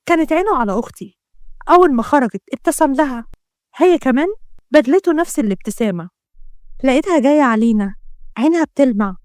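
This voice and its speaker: A woman with an Egyptian accent narrating a dramatic romance story in the first person, emotional and lively. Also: high-pitched, dry recording, clean studio sound.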